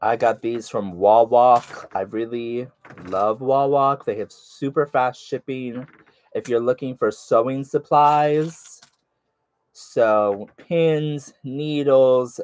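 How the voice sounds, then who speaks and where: A man with a stuffy nose chats casually with viewers while he sews along, addressing them by name as he works. His voice is medium-pitched, steady and darkish, and he speaks at a slow pace.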